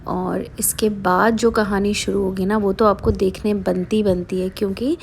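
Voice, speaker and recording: A woman's voice: medium pitch, steady tone, normal speed, gravelly, slight background noise. A woman narrating a casual travel vlog as a mother, talking in a chatty way with many fillers and English words mixed in. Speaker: vlogger mother.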